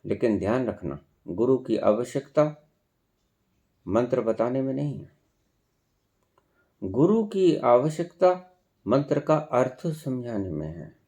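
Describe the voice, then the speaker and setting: A man delivers a sermon at an unhurried pace. His pitch swings widely, climbing on emphatic phrases before settling back down as he explains. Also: big pitch swings, dark tone. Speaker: spiritual teacher.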